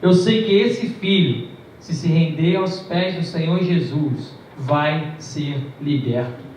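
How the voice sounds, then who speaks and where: In a large church hall, a man preaches a sermon, telling stories emphatically and varying his pace. His voice sits on the high side, slow and a little mellow, and the distant, echoey, muffled recording carries a slight hiss or hum.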